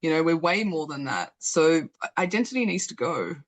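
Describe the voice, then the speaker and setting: A woman therapist with a lowish voice, asking gentle, probing questions in a live therapy session. She speaks reflectively and calmly, unpacking assumptions step by step. She sounds middle-aged. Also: moderate pace. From Greek background.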